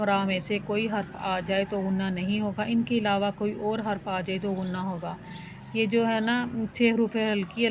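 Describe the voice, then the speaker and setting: A woman with a Pakistani Urdu accent teaching Quran reading. She chants syllables slowly, then explains the rules quickly. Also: medium pitch, slight background noise. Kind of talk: recitation lesson.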